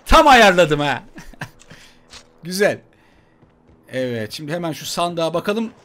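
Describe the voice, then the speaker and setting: A man commenting on his mobile shooter gameplay for viewers, excitable and joking, trash-talking enemies. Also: fairly high pitch, slow pace. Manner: excitable, swears playfully, talks to viewers and enemies. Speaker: gaming YouTuber. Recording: gunfire and game noise behind.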